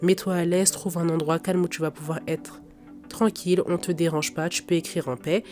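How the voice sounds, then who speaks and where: Congested, lowish-voiced young woman podcasting. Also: flat delivery, moderate pace, warm tone. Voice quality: congested, blocked-nose nasal voice. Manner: direct, addresses listener informally, emphatic. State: sick with a cold and sore throat. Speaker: podcast host. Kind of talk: casual advice monologue to listeners. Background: faint background music.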